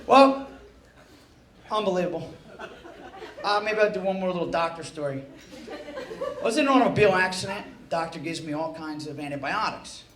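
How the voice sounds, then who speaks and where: Male stand-up comedian, middle-aged, high-pitched, profane and exasperated, roomy recording. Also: expressive, normal speed, pauses often, crowd noise. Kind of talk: stand-up routine. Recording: echoey, noisy room recording.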